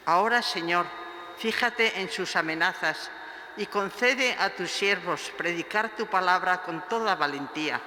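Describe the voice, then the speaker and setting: High slow male reader, cathedral echo. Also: pushed and bright. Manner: measured, declaiming each phrase. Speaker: lector reading scripture and psalm. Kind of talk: slow solemn liturgical reading. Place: large church. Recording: echoey church with long reverb, faint hiss.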